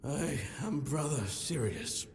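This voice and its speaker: An actor playing a frail, sick, elderly imprisoned religious brother in a video game, with a weak voice. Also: male voice, a little high, animated, slow pace. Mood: weary, curious. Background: video game music.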